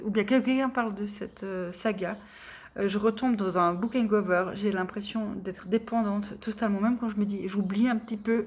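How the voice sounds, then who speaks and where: A young woman book vlogger talking casually at home into a camera mic, rambling and enthusiastic, with many fillers and restarts. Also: medium pitch. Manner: enthusiastic, gushing. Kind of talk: casual chat.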